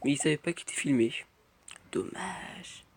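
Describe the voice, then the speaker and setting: Chatty teenage French gamer, slightly high voice. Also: male voice, moderate pace. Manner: rambling, many fillers, mutters and swears at the game. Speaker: gaming youtuber. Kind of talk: casual gameplay commentary. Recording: noisy home recording.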